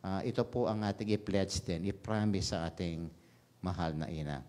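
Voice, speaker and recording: A man's voice: deep voice, normal speed, warm tone. A Filipino priest delivering a homily at a Mass broadcast on radio, mixing English into his talk and often adding "no?" as a tag. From Philippines. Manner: switches between Tagalog and English, frequent "no?" tags. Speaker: parish priest. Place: radio station chapel.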